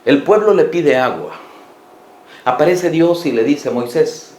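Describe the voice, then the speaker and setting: Man preaching a Bible study, lively rising and falling pitch, echoey church room. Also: unhurried. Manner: animated storytelling, questions to listeners. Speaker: pastor.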